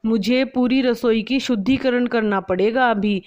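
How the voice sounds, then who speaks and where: A woman's voice: fairly high pitch, unhurried, darkish tone, dull audio, close to an everyday voice. A woman voicing a young, bossy daughter-in-law who fusses over a spotless kitchen and scolds sharply. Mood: scolding.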